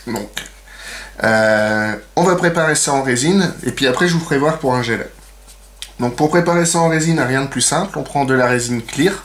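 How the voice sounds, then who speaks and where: A man's voice: medium pitch, normal speed, a bit bright. A man hosting a casual nail art tutorial, chatty and full of fillers, with playful self-mocking asides. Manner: chatty, many fillers and "donc". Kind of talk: casual how-to demonstration.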